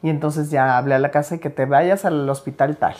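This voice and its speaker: A woman talks through personal memories in a relaxed interview. Her voice sits low and deep, and she slips into the voices of the people she quotes. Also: a little fast. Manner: animated storyteller, acts out quoted lines, laughs between stories. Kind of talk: candid interview storytelling.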